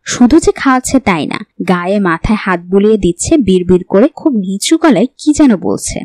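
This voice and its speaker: A woman narrating a horror novel in a calm storytelling voice. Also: medium pitch, normal speed, no room sound. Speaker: audiobook narrator. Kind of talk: storybook narration reading all parts.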